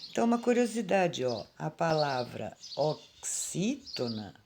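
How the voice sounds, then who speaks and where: Slow, patient Brazilian woman teacher. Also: sits low, sing-song, creaky, background noise. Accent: Brazilian Portuguese. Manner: slow, patient and explanatory, calling out words aloud. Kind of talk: remote grammar lesson for children. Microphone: phone.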